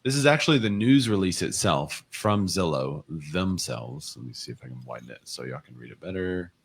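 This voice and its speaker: A man's voice: low voice, animated, brisk, vocal fry, slightly rough. A man co-hosting a casual real estate livestream, chatting and reading viewer comments and news articles aloud. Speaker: co-host of a real estate show.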